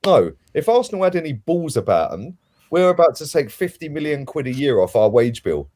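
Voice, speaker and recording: A man's voice: fairly high pitch, big pitch swings, fairly quick, warm tone. A man giving an opinionated football rant as a fan pundit, blunt, emphatic and colloquial.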